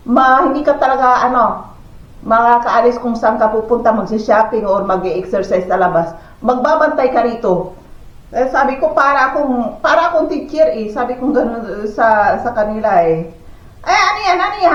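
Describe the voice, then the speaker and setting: A woman from the Philippines telling a story in a casual home vlog, chatty and full of fillers and exclamations. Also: on the high side. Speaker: family vlogger. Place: at home, indoors. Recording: echoey room, dull lo-fi sound.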